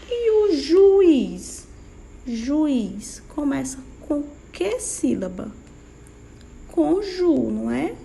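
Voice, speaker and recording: A young Brazilian woman teaching small children, speaking very slowly and clearly with a patient, sing-song manner. Her slightly high voice carries a gravelly edge of vocal fry. A faint room ambience sits behind her. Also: warm tone, slight background noise. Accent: Brazilian Portuguese. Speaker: primary school teacher.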